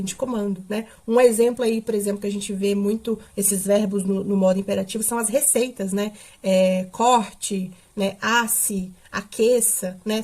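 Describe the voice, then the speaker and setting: A woman's voice: mid-range voice, a little mellow. A woman teacher, explaining a grammar lesson step by step and often adding checking questions. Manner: explanatory, with frequent tag questions.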